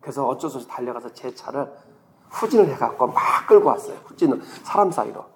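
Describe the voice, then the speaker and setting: A middle-aged man pastor telling a story in a sermon, shifting between hushed and loud delivery. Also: mid-range voice, lively intonation, fast talker, roomy sound, in a large hall, noisy background. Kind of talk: sermon testimony.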